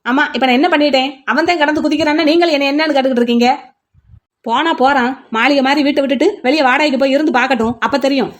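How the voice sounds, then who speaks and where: Woman doing a spoiled young man, cartoon, sneering, dismissive, rapid. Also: high voice, lightly acted.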